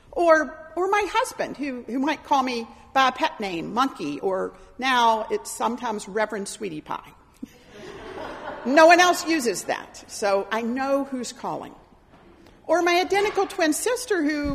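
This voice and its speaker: A middle-aged woman pastor giving a sermon in a church, telling stories in an animated way and acting out the voices of the people she quotes. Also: high voice. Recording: reverberant church hall.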